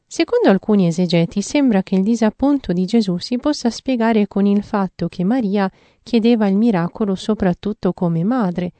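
A woman giving a measured, earnest reading of a devotional theological text. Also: mid-range voice, warm tone, no echo.

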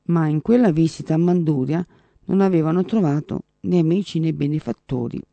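A man reading a devotional story aloud in a measured, solemn way. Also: a little high, vocal fry, dark tone, dry recording, highs cut off. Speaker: narrator. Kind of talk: scripted narration of a devotional story.

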